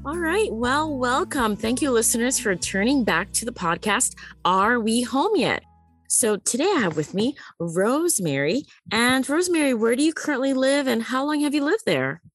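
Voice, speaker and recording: A woman's voice: a little high, normal speed, husky, no room sound, faint music behind. Chatty American woman podcast host. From United States. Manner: lively, chatty with many fillers. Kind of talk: podcast interview.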